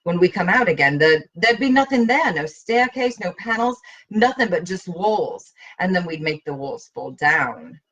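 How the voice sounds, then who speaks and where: A woman playing a grave, withdrawn boy who speaks with quiet, stubborn intensity. The voice moves lively up and down and has a faint breathiness, as in a storybook read aloud. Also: moderate pace, slightly rough, distant mic, heavily acted. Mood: intense. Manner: low-key, intense, withdrawn.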